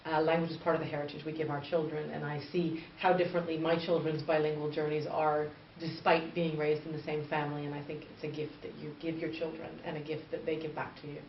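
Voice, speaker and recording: Here the northern Canadian woman in her thirties talks fast with hardly any pauses, her voice low-pitched and level as she earnestly explains bilingual education in an interview. Captured from far off the mic, the sound is distant and echoey, muffled, with a little noise.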